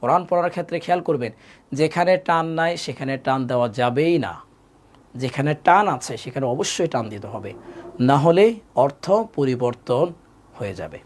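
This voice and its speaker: A man teaching a live online Quran class, drilling Arabic letter sounds syllable by syllable, pitch rising on the repeats, then speeding up for quick explanations. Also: animated. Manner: quick asides when explaining.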